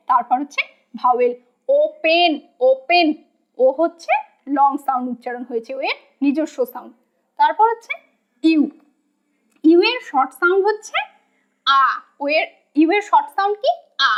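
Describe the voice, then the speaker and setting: A woman teaching English phonics, spelling out words letter by letter at a slow, patient pace and asking questions she then answers herself. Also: high voice. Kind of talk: phonics lesson. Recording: dull lo-fi sound.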